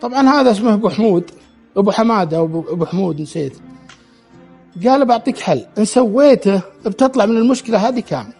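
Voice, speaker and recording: A man's voice: high-pitched, lively intonation, fast talker, gravelly, a little mellow, husky, faint music behind. A man telling a true story aloud, relaying the dialogue in quotes and often restarting his words. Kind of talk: spoken storytelling.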